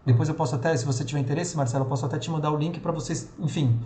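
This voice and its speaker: Chatty trainer with a São Paulo accent. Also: male voice, a little high, rapid-fire, mellow, reverberant. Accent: São Paulo Portuguese. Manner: casual, many fillers and restarts. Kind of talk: online training session.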